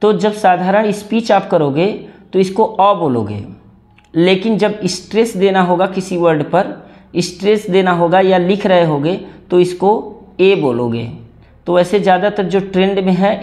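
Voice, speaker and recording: A man's voice: sits high, expressive, unhurried, darkish tone. A man with an Indian accent teaching English reading word by word and having students repeat after him. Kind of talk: slow read-along English lesson in Hindi.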